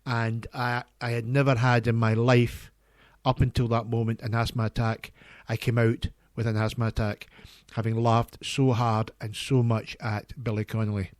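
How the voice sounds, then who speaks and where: A man presenting on community radio, talking earnestly and enthusiastically in a halting, chatty way. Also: medium pitch, flat delivery, no room sound, studio quality.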